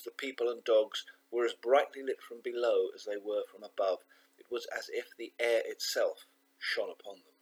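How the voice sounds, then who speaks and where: A man reading a children's novel aloud, measured and expressive, slowing down for emphasis. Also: on the low side, rough recording. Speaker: audiobook narrator. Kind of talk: scripted narration of a children's novel.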